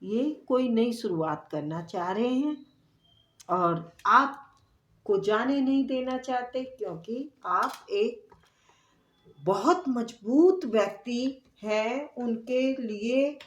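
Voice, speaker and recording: A woman's voice: fairly high pitch, slow pace, highs cut off. A woman giving a tarot reading to her viewers, explaining the cards in a chatty, repetitive way and speaking to the listener directly. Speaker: tarot reader. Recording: echoey room.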